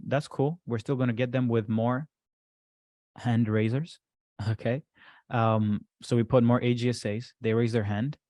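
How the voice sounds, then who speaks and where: Male business coach, chatty and filler-heavy, mid-pitched voice, close dry sound. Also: a little mellow, no room sound. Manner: loose and chatty, many fillers and "right?" checks. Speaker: business coach presenting to a group. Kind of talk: casual workshop presentation with screen share.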